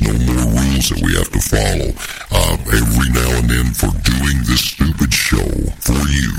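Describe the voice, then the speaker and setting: A man's voice: very deep voice, full character voice. A man voicing an arrogant male demon from hell who boasts and sneers at humans while answering interview questions. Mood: scornful. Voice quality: gravelly. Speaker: interview guest. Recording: noisy recording.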